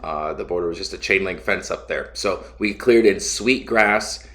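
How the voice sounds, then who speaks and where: A man narrating his own flight video as the pilot, casual and unscripted, in a halting, plain-spoken way. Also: low voice, fairly bright tone.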